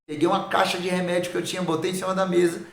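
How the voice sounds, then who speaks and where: A pastor with a Brazilian Portuguese accent telling his conversion testimony on a podcast, animated and acting out the voices of the people in his story. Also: high-pitched, rapid-fire, vocal fry, roomy sound.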